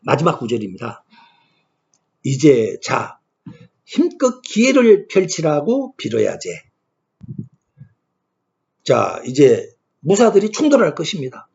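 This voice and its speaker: A man's voice: on the high side, wildly swooping pitch, takes it slowly, vocal fry, pauses often, darkish tone. A man giving a lecture who asks himself questions and answers them with emphasis. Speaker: lecturer on ancient Korean poetry. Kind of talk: classroom-style lecture. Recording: dull lo-fi recording.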